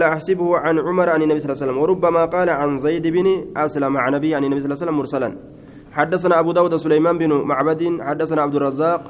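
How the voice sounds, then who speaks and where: A man giving a hadith lesson, reading the Arabic text aloud and explaining it in Oromo, on a dull lo-fi recording. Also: on the high side. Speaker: hadith teacher. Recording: dull lo-fi recording with faint noise.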